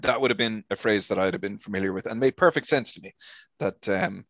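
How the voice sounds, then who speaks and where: A man's voice: on the low side, fairly quick, dry recording. Irish guy, wry and laid back, explaining slang, kinda muffled dry audio. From Ireland. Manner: relaxed, wry and self-deprecating. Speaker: guest. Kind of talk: casual explanatory chat.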